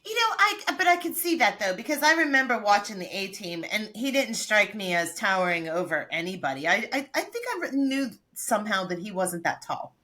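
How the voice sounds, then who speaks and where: A woman's voice: medium pitch, big pitch swings, a little fast, hardly any pauses, pushed and bright. A woman hosting a podcast who steers the topics in chatty, laughing casual conversation. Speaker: podcast host. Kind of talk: casual chat.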